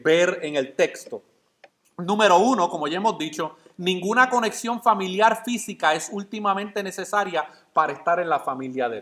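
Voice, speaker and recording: A man preaching from the pulpit, his voice pitched high for a man. He keeps firing rhetorical questions at the congregation and then answers them himself. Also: fairly bright tone. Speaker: pastor. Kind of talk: sermon.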